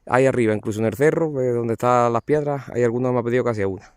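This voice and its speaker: A man's voice: mid-range voice, racing, darkish tone, clean tone, no room sound, clean studio sound. A man, explaining olive pruning outdoors in an olive grove, informal and constantly pointing things out to viewers. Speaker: olive pruner. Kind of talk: hands-on field demonstration.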